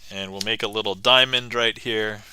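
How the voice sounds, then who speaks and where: A man's voice: fairly low pitch, steady tone, normal speed, pushed and bright, clear, resonant tone, low-quality recording. A man doing casual magic patter on a livestream, chatty and laughing often as he talks through his card moves.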